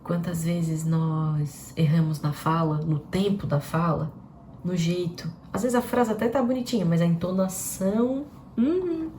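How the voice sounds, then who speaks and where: A woman's voice: lowish voice, a little slow, dark tone. A woman giving a devotional live-stream talk, asking her viewers rhetorical questions in a conversational way. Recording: roomy with faint background noise.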